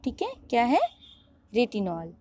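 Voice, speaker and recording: A woman's voice: on the high side, sing-song, unhurried, mellow. A woman teaching a biology lesson online, who asks questions and answers them herself.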